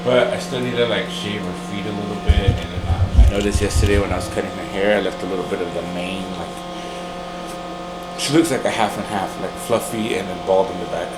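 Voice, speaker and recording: A man's voice: on the low side, a little fast, reverberant, very noisy. A man chatting casually to viewers in an informal, slangy, rambling vlog style. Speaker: vlogger. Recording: loud background music.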